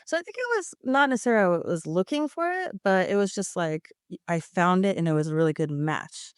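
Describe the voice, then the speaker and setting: A woman journalist guest in a casual interview, with a low, smooth voice. She talks thoughtfully and pauses on "um"s as she works out her answers. The recording is dry and close. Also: expressive, no room sound. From California, United States. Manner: thoughtful, many fillers.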